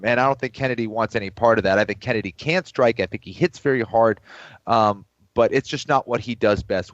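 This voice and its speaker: Low-voiced man breaking down fights. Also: dry recording, muffled recording. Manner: measured, explanatory, with fillers. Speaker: podcast co-host, fight analyst. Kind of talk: casual sports analysis.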